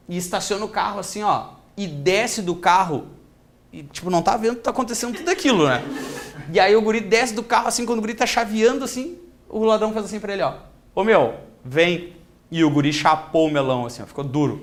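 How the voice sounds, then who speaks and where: Male teacher, lively classroom storyteller, faint noise. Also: a little high. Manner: animated storytelling, acts out quoted voices. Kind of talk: classroom lecture with a told anecdote.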